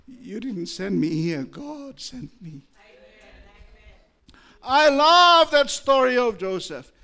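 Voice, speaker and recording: Very animated, this Australian-accented pastor moves through his sermon from subdued, measured talk to loud and fiery preaching.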